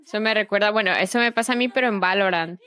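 A young woman in her early twenties with a Mexican accent and a mid-range voice talks casually with a friend during a gaming stream. Her manner is relaxed, easygoing and talkative. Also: mid-range voice, quick pace. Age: early 20s. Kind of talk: casual chat while gaming.

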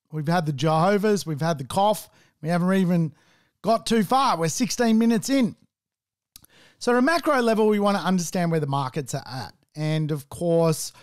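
A man's voice: a little high, smooth, no room sound, clean studio sound. A man hosting a solo podcast, talking in a chatty, informal way with joking asides. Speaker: property investing podcast host.

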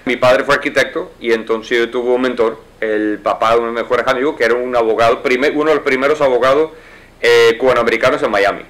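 In a wood-paneled office interview, an American man in his forties, a lawyer seeking a judgeship, sits and explains his answers with fluency. He talks fast in a steady, mid-range voice that's a little bright. The audio is poor.

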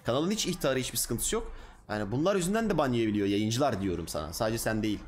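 A man's voice: mid-range voice, lively intonation, quick pace. A young man, a streamer, chatting casually and bluntly with his live chat, full of slang.

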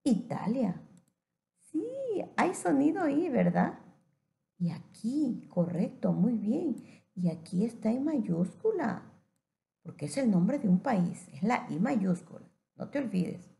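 A woman teacher giving a patient phonics lesson to young children, stretching words out slowly. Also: on the high side, very animated, vocal fry, mellow.

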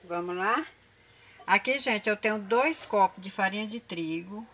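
Her voice is medium-pitched, a bit bright and a little slow. She hosts a cooking channel from her own kitchen, speaking with a Brazilian Portuguese accent and chatting to viewers, whom she calls "gente," as she cooks.

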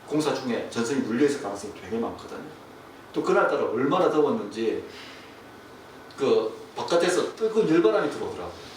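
A man, a pastor, preaching a sermon and telling a story, falling to a hush and then rising again. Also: medium pitch, big pitch swings, brisk. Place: church sanctuary. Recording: distant, echoey room with faint hiss.

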